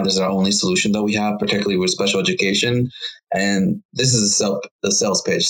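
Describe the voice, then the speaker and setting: A man, a teacher and co-host, speaking in a measured way as he cites figures and puts questions to his guest. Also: on the low side, husky, rough recording. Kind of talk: casual podcast discussion.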